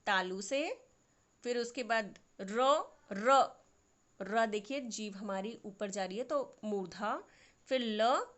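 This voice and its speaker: A woman's voice: medium pitch, takes it slowly, a bit bright. A woman teaching a lesson who explains patiently, step by step, and keeps checking that everyone follows. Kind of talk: classroom lesson.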